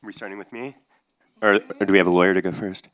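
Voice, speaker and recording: Low-voiced male panelist. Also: steady tone, racing, fairly bright tone, dull audio. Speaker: panelist, not a lawyer. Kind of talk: panel discussion.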